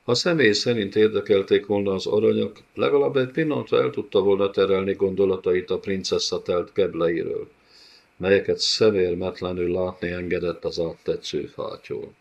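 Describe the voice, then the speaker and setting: A man narrating a fantasy audiobook in a measured storytelling manner. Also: low voice, steady tone, gravelly, muffled recording. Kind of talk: scripted narration.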